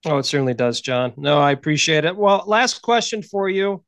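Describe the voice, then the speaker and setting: A podcast host with a fairly high, gravelly voice and a fairly bright tone chats in an animated, fairly quick way. He asks questions and tells stories in a casual style. The recording is close and dry, with no room sound.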